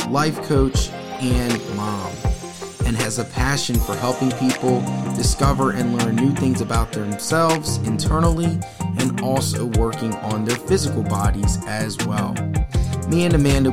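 A man hosting a spiritual podcast over a video call, with an eager, upbeat manner, often repeating words and restarting sentences. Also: medium pitch. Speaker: podcast host. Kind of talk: upbeat podcast intro and interview.

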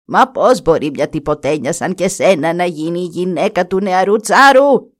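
A spiteful old stepmother from a storybook, harsh and sneering, dropping her voice low to mock and rising shrill when crossed, as a woman storyteller puts her on. The voice swings widely in pitch and pushes out loud and forceful. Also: lively intonation. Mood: outraged.

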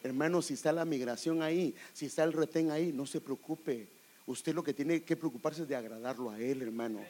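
A man's voice: on the high side, fairly quick. A middle-aged man with a Guatemalan Spanish accent preaching a personal testimony, calling his listeners brother. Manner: animated, addresses listeners as brother. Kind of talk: testimony sermon.

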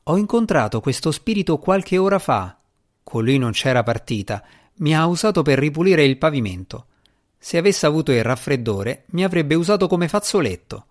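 Speaking at a moderate pace in a fairly high, very animated voice, a man performs an audiobook as a sarcastic, bragging djinni spirit disguised as a boy. His reading drips with sardonic, theatrical mockery.

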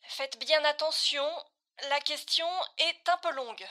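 An actress plays an impatient questioner who sighs and grows exasperated as she repeats herself. Her voice sits high, bright and sharp, in a surreal comic sketch. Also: a little slow. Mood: insistent. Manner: exasperated, sighing, increasingly irritated. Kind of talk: surreal comic dialogue acting.

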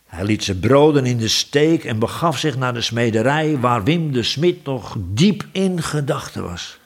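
A man narrating a fairy tale as a storyteller in a calm, measured way. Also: mid-range voice, breathy edge.

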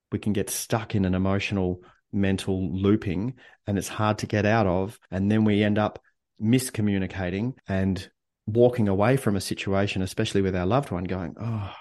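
A man coaching on leadership as a podcast guest, speaking in a calm, reflective, earnest way. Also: on the low side, normal speed. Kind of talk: casual podcast interview.

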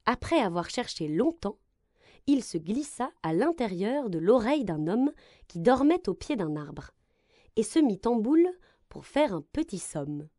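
A woman reading a children's story aloud, with expressive, gentle narration. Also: mid-range voice, unhurried, no echo, clean studio sound.

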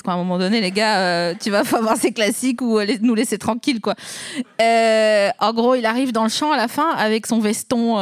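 A woman's voice: medium pitch, no room sound, studio quality. A woman hosting a podcast in casual chat, playful, theatrical and swearing freely. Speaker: podcast host.

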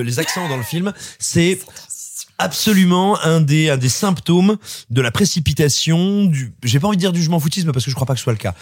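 Man, film critic, slightly high voice, rapid talk, dry sound. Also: no room sound. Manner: analytical, earnest, quick-talking. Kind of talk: casual film review chat.

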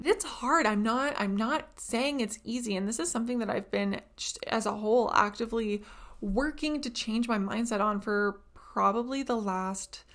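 Chatty woman, gravelly fry. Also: medium pitch. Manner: chatty, rambling, lots of "like". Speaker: podcast host. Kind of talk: casual monologue podcast.

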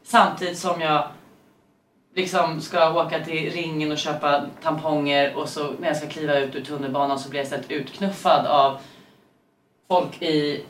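A woman in relaxed conversation, rambling through stories with lots of fillers and side remarks. She sits a little away from the microphone in an echoing room. A faint noise hangs under her voice. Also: low-pitched. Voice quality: talkative, digressive with many fillers. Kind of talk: casual chat. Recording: roomy and distant with faint noise.

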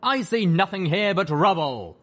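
A man's voice: high voice, very animated, unhurried, fairly bright tone, pitched above the performer's own voice, heavily acted. A man voicing a gaunt male ghoul pegasus who bellows in stiff, formal speech. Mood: booming.

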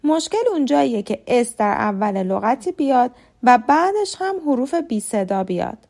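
An Iranian woman hosts a podcast lesson on English pronunciation, explaining things clearly from a script and slowing down to model example words. Her voice is on the high side and darkish, with big swings in pitch.

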